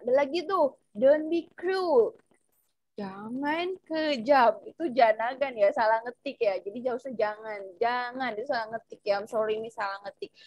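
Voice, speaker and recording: A young woman with an Indonesian accent teaching children English over a video call, switching between English and Indonesian and spelling out phrases slowly for her pupils. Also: high-pitched, rough recording. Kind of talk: online English lesson for children.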